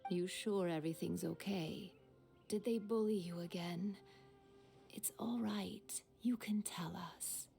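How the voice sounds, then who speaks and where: A woman playing a gentle middle-aged mother in a game, speaking in a soft, motherly, worried way. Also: on the low side, steady tone, normal speed, vocal fry, soft background music. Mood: gentle concern. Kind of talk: scripted game voice acting.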